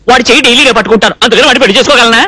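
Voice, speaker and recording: A fussy, flustered young cook. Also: male voice, very high voice, pushed and bright, breathy edge, dry recording, heavily acted. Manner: flustered, scolding, fast-talking. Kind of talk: dubbed film comedy acting.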